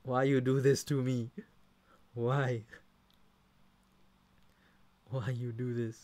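A man speaking slowly in a mid-range voice, with a Trinidadian accent, commentates live on a card game. Lively and talking straight to the players, he cheers and shouts when the big plays land.

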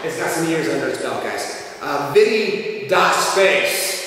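A man's voice: a little high, expressive, a little slow, sharp tone. A man in his thirties hosting a paranormal investigation, talking earnestly to viewers with many fillers. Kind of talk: casual ghost-hunt talk to viewers. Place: old church hall, indoors. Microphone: far camera. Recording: echoey hall from far off, noisy.

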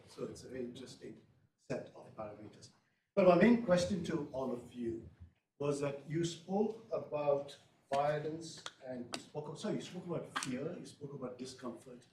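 A man in the audience poses a measured question, with a few hesitant fillers along the way. He sounds distant in a large, echoey lecture room, with faint noise behind him. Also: mid-range voice, a little mellow. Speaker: audience member asking a question. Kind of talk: question from the floor at a panel.

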